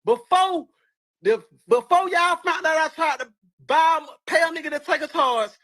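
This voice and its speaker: An angry man in a heated, profane rant, repeating himself and swinging between shouting and muttering. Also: extremely high pitch, normal speed.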